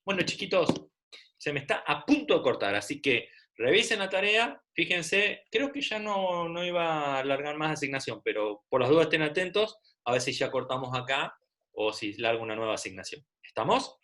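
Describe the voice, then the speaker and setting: A man's voice: a little high, big pitch swings, normal speed, sharp tone. Chatty Argentine man teaching online. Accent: Rioplatense Spanish. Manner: chatty, rhetorical questions, checks in with "¿tá?". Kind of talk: online class lecture. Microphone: video call.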